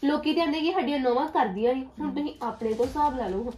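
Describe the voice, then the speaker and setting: Actress as young married niece: high, fast delivery, indignant and complaining; web series drama. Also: female voice, darkish tone, close to an everyday voice. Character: young married woman aggrieved at her in-laws.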